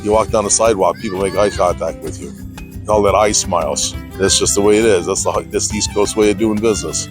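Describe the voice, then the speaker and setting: Low-voiced man praising the road. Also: steady tone, fast, over music. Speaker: motorcycle tour rider. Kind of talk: interview testimony.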